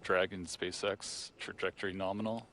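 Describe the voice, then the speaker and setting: Man controller, low and measured, routine radio call-outs, distant space radio loop. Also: level tone, bright, forceful tone. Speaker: flight controller.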